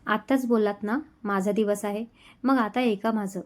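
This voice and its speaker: A woman's voice: medium pitch, steady tone, normal speed, a little mellow, natural voice. A woman voicing a young wife in a romance storybook reading, speaking in an affectionate, pleading way. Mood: loving. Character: young wife, loving and gently bossy.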